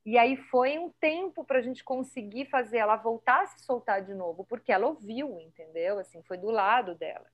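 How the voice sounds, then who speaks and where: A woman with a Brazilian Portuguese accent, a doula guest in a casual podcast chat, telling stories lively and acting out what people said. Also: a little high, moderate pace, hardly any pauses. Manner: lively storyteller acting out quoted dialogue. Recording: slightly dull lo-fi podcast audio.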